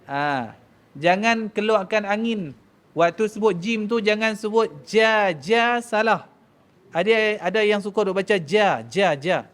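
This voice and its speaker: High-voiced teacher drilling sounds. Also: male voice, measured pace, a bit bright. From Malaysia. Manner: drills pronunciation, contrasting wrong and right sounds. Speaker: Quran recitation teacher. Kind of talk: mosque tajwid class. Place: mosque hall.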